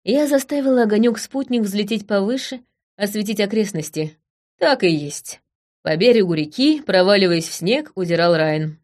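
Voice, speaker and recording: Brief: woman audiobook narrator, medium pitch, brisk and dramatic first-person reading. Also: animated, darkish tone.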